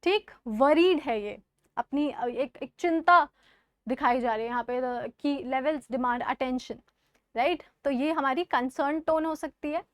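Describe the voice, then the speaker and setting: High-voiced Indian woman teaching slowly. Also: no echo, studio quality. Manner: quizzes students and repeats key words. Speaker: exam prep teacher. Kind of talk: online lesson in Hindi-English mix.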